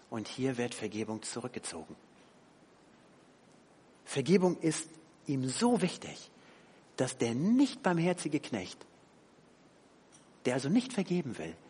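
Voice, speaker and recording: A man preaching a sermon, animated, swinging between loud emphasis and quiet asides. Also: medium pitch, normal speed, slightly rough. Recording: long hall reverb.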